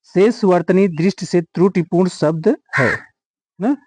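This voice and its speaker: A man with a fairly high voice, teaching an exam-prep grammar lesson. He asks each question more than once, then answers it with drawn-out, stressed words. His voice sounds close and dry, with no room echo. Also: darkish tone. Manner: repeats questions and answers, drawing out words for emphasis.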